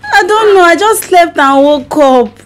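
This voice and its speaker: A woman's voice: very high voice, lively intonation, measured pace, slight background noise, pitched above the performer's own voice. A Nigerian-accented woman playing a confused wife with amnesia on a prank phone call, puzzled and full of questions. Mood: bewildered, lost. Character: confused wife feigning amnesia, bewildered and lost.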